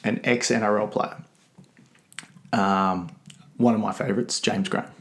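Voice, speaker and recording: A man's voice: on the low side, fairly even intonation, unhurried, fairly bright tone. A man co-hosting a podcast, telling a rambling anecdote with self-mocking jokes. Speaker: podcast co-host. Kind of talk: casual banter. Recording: roomy echo.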